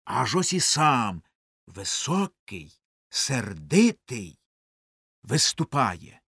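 A man performs a dramatic poetry recitation in an unhurried, deliberate way. His pitch ranges widely as he drops to hushed lines and then rises to loud, ringing ones. The sound is close and dry. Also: very animated, slightly rough, no echo. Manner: declamatory, with sweeping swings from hushed to loud.

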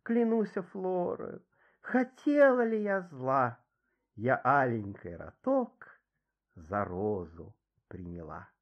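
A man's voice: medium pitch, very animated, slow pace. A man voicing a small captive female bee who pleads tearfully for mercy, in a dull lo-fi recording. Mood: pleading.

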